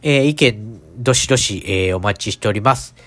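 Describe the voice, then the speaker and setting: A man's voice: fairly low pitch, brisk, fairly bright tone, no room sound. A man hosting a casual solo podcast in a stuffed-up, nasal voice, talking in a hesitant, rambling, apologetic way. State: congested nose. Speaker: podcast host.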